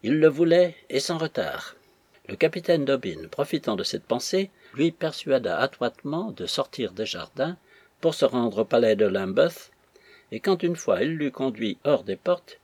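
A man narrating a classic novel as an audiobook, measured and lightly ironic in his storytelling. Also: medium pitch, sing-song, darkish tone, husky, dry recording.

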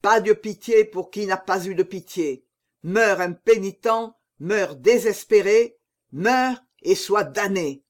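Casting: a man playing a merciless avenger posing as a monk, stern, slow and high-voiced in a storybook reading. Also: animated. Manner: cold, stern, unforgiving. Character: vengeful young man disguised as a monk, merciless.

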